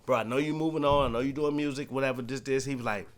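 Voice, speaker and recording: A man's voice: mid-range voice, steady tone, very fast. A man, a rapper guest chatting on a radio show in a studio, laid-back and hesitant with fillers. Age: 40s. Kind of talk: casual radio chat.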